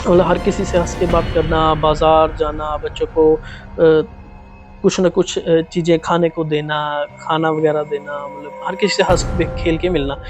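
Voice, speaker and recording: A young man recounts an eerie story in casual vlog style. His voice sits slightly higher than usual for a man. He keeps it chatty and repeats phrases to build suspense. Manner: conversational, dramatic retelling with many repetitions. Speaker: vlogger.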